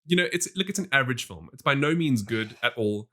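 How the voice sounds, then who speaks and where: A man co-hosting a podcast in casual chat, animated, laughing often and restarting his sentences. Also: mid-range voice, quick pace. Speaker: podcast co-host.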